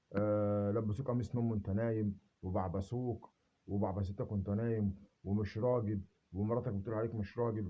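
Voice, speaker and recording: A man from Upper Egypt with an Upper Egyptian Arabic accent, delivering a defiant monologue to camera, indignant and repeating rhetorical questions that swell into loud emphasis. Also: on the low side, highs cut off, a little hiss or hum. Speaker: self-made video speaker.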